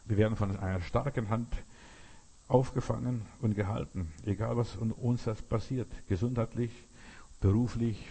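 Husky man preaching a sermon. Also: fairly low pitch, mellow. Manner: emphatic, repeating phrases, voices quoted speech slowly.

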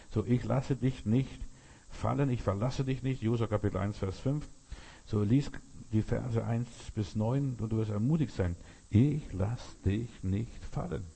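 A man preaching a sermon, speaking emphatically, repeating phrases and slowing down to voice quotations. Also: lowish voice, dark tone, slightly rough.

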